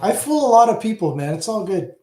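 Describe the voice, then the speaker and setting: This middle-aged channel host, whose accent is Southern Ontario Canadian, has a high-pitched voice with big pitch swings, a slightly fast pace, and a somewhat mellow quality. He rambles through a casual livestream chat, answering viewers and trailing off, all captured with a roomy echo.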